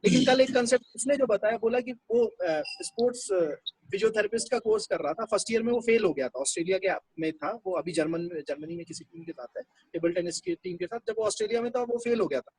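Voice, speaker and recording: A man's voice: high voice, sing-song, quick pace, darkish tone, husky, dry recording, rough recording. A male teacher giving a classroom lecture, talking conversationally and explaining things step by step.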